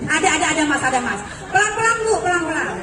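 A woman's voice: very high-pitched, lively intonation, very fast. A woman co-hosting a live prize draw on stage, prompting people energetically and repetitively. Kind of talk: live stage hosting, urging winners forward. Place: outdoor festival stage in a large square. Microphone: handheld microphone through PA. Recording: echoey PA, very loud music and crowd.

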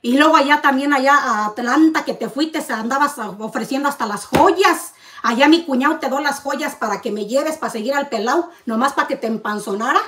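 A woman rants to camera in her vlog, accusing and bitter. Her voice sits high, and she stacks up hard rhetorical questions. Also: brisk, a bit bright. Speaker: vlogger. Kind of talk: heated confrontational rant to camera.

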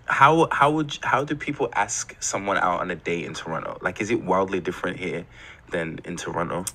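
Brief: young man, very low voice with a bright edge, reflective and measured. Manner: thoughtful, asks questions, hesitant with fillers. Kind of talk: casual chat.

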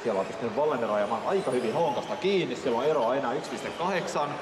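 A man giving steady live play-by-play of a model car race, reading out positions as the cars go round. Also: medium pitch. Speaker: race commentator. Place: large indoor exhibition hall at a model car race. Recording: echoey hall, noisy PA sound.

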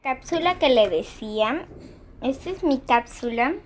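A high-pitched woman talks to her viewers in a casual home vlog about her pet rabbit. She is giggly and excitable and keeps breaking into chatter. A faint hum of the room sits behind her voice. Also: measured pace. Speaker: pet vlogger.

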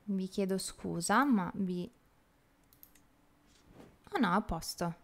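A woman's voice: mid-range voice, takes it slowly. Chatty young woman streaming a game. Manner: chatty and playful, laughs often, reads chat aloud. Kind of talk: casual live game commentary.

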